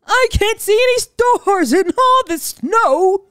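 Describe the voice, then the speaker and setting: A woman's voice: extremely high pitch, lively intonation, takes it slowly, fairly bright tone, no echo, clean studio sound, soft background music, pitched above the performer's own voice, heavily acted. A woman voicing jolly old Santa Claus in a children's storybook, with hearty, blustering exclamations. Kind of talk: children's storybook read-aloud.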